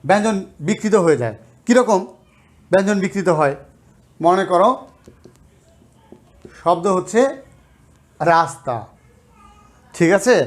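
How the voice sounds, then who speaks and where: A man from Bangladesh, a college lecturer, giving a grammar lesson and explaining step by step, often checking in with rhetorical questions. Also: high voice.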